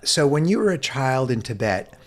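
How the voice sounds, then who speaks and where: A man's voice: mid-range voice, big pitch swings, moderate pace. A man hosting a podcast interview, asking his guest friendly, conversational questions. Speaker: podcast host.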